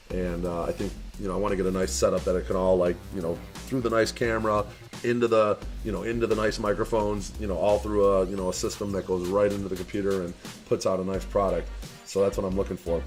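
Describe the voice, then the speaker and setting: Speaking casually to the camera over faint background music, a young man from the Chicago area, a vlogger who runs an online business, uses a fairly low, darkish voice. His talk wanders, with frequent restarts and fillers like "uh" and "you know," and he asks his viewers for advice.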